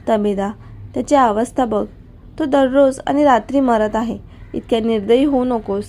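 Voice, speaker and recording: A woman's voice: on the high side, moderate pace, warm tone, natural voice. A woman voicing an elderly grandmother who begs her daughter-in-law to forgive her son. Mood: pleading. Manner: pleading.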